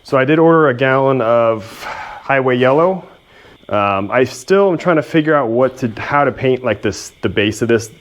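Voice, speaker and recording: He's the host of a machinery repair video, animated and mid-range in voice, talking at a moderate pace. As he works in the workshop, his narration stays casual and self-mocking.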